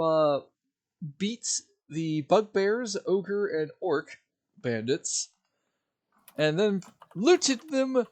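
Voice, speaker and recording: Animated man on a headset mic. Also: high-pitched. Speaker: game master. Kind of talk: narrating a tabletop game stream. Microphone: livestream headset mic.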